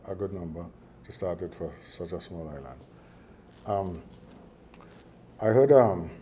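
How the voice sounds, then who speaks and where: An older man with a Trinidadian accent, chairman of a university, speaks at a signing ceremony in a low, warm voice with slight background noise. His speech is chatty and full of jokes, drifting into anecdotes with many fillers and restarts.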